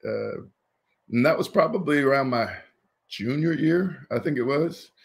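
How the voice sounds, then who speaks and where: Lively storytelling man from Indianapolis. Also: medium pitch, a little slow, gravelly. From Indianapolis, USA. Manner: lively storyteller who acts out the people he quotes. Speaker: guest, former college football player. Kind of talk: casual interview storytelling.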